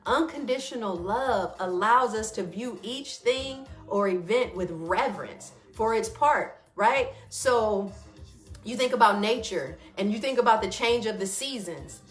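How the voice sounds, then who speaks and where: A woman hosting a morning wellness talk, chatty and expressive, calling her listeners y'all and leading a guided breathing exercise. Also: mid-range voice, a little slow, echoey room, faint music behind. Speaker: host of a morning wellness show.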